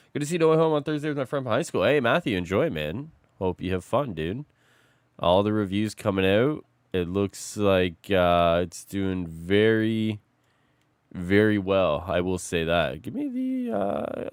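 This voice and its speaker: Male game streamer, under the weather, low-ish clear voice with very lively pitch, casual chatter to viewers. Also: dry recording. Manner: loose and chatty, greeting and answering chat while playing. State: sick, slightly rough voice. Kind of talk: casual live-stream chat.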